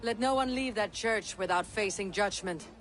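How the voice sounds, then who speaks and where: An actor playing a grave, commanding medieval warrior in a video game. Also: male voice, high voice, moderate pace, fairly bright tone. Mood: stern. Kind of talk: dramatic video game acting. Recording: game music over voice.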